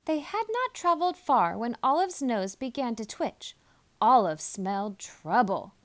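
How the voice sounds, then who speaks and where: High, animated woman reading a storybook. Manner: expressive, deliberate emphasis on key words. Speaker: storybook reader. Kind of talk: animated children's story narration.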